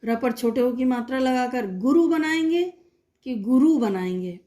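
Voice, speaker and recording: A young woman with a high, light voice guides young pupils through a lesson. She breaks each word into its sounds and repeats them patiently, asking simple questions as she goes. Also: dark tone. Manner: slow, patient, spells words sound by sound. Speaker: teacher. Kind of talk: online primary-school lesson.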